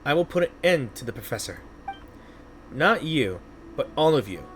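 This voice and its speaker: A man voicing an earnest, steadfast squad captain from a game, formal and measured. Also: mid-range voice, sing-song, a bit bright, slight background noise. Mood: determined.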